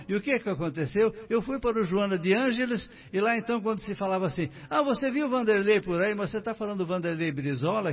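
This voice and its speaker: A man's voice: sits high, husky. An older man from Brazil, a guest on a radio talk show, telling his life story and talking straight to the listeners. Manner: warm storytelling, addressing listeners directly. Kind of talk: casual radio interview. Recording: muffled distant radio studio mic.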